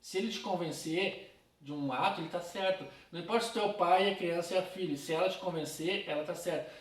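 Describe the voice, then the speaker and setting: A man with a high voice and quick pace teaches a casual philosophy class, talking directly to his students. The class lecture is recorded from a distance and sounds roomy.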